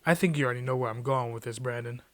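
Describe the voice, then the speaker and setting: A man's voice: mid-range voice, racing, a bit bright. A man cutting a wrestling promo, taunting his rival with cocky, profane trash talk.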